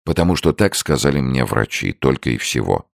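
A man reads as a tired, ailing old father, solemn and gentle. His voice sits extremely low with a gravelly creak, close and dry. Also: big pitch swings, brisk, dry recording, full character voice. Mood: tender.

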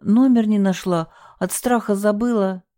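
A woman's voice: medium pitch, unhurried, warm tone, pitched above the performer's own voice, close to an everyday voice. A woman voicing a flustered, scatterbrained young female hotel receptionist who babbles and whimpers in fright. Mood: flustered, whimpering.

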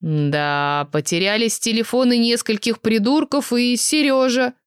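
A woman reader voicing a calm, sarcastic young man with a dry, understated manner. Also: a little high, a little slow, clear, resonant tone, no echo, close to an everyday voice. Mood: sardonic.

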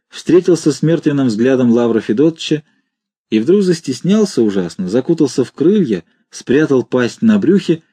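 Husky dark-voiced male storyteller. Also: mid-range voice, dry recording. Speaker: narrator. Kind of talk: audiobook reading of a comic fantasy story.

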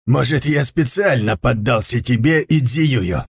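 A man reading a calm leopard spirit in a storybook, composed and wryly amused. The tone is slightly husky. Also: mid-range voice, measured pace.

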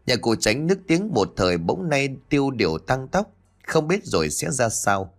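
A man narrating a ghost story dramatically. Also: moderate pace. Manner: dramatic, with lively pitch swings.

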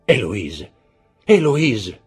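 A haunted royal prosecutor, voiced by a man reading aloud, driven to frantic outbursts. His voice is deep and husky. Faint music runs underneath. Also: a little slow, exaggerated voice. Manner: shouting, desperate outbursts.

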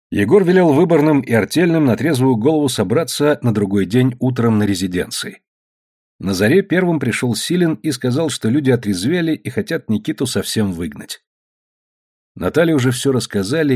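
Husky man reading a novel aloud. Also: medium pitch, a little mellow. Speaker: narrator. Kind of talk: audiobook reading.

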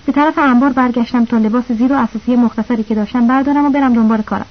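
High-voiced woman reading an audiobook. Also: steady tone. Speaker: audiobook narrator. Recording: slightly dull lo-fi audio.

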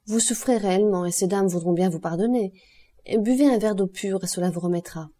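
A society lady speaks in a smooth, falsely caring manner, as a woman reading an audiobook plays her. The voice is dark and mellow with a husky edge. It sounds like a figure in a storybook. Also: mid-range voice, a little fast, lightly acted. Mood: solicitous.

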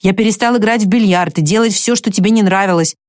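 A woman's voice: mid-range voice, fast talker, a little mellow, no echo, clean studio sound, close to an everyday voice. A woman reading aloud voices a hot-tempered, lovesick young man, earnest and choked.

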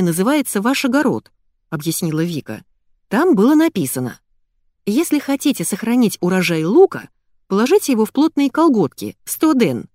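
A woman voicing a bossy, energetic young woman who scolds and gives orders. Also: medium pitch, dry recording, studio quality, pitched above the performer's own voice, natural voice. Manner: brisk, commanding, scolding.

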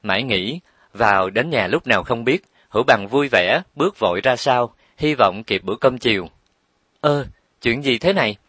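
A man narrating a romance story with steady, expressive storytelling. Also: mid-range voice, normal speed, husky, no echo. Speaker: audiobook narrator.

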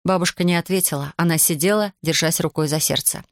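A woman narrating a children's story in a measured, even way. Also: on the low side, no echo, clean studio sound.

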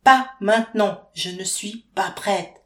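A woman's voice: medium pitch, slow pace, lightly acted. A woman voicing a young mother in her twenties who is panicking over her sick baby, with urgent, pleading outbursts. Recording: roomy echo.

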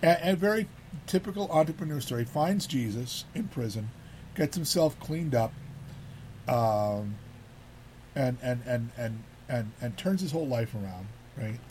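A man's voice: mid-range voice, animated, unhurried, darkish tone, a little hiss or hum. A man hosting a casual talk show, rambling and repeating words as he talks. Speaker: host.

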